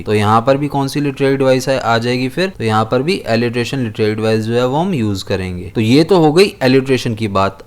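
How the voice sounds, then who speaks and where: Man teaching a school poem. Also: medium pitch. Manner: explains step by step, asking and answering his own questions. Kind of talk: explaining a poem to school students.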